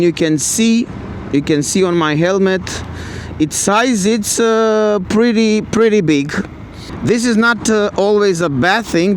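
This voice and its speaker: Halting non-native male reviewer, higher-pitched voice. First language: not English. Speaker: product reviewer. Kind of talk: casual spoken product review. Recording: clear outdoor traffic and vehicle noise.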